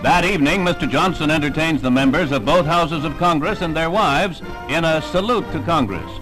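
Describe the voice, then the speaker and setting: Male narrator for a vintage 1960s newsreel, formal announcer read with a slightly raised pitch, recorded over loud music. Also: moderate pace, rough recording.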